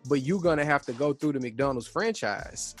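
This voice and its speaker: A man's voice: medium pitch, expressive, normal speed. Slangy man chatting casually, music behind. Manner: slangy, conversational, retells stories in quoted dialogue. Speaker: podcast co-host. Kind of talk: casual book discussion.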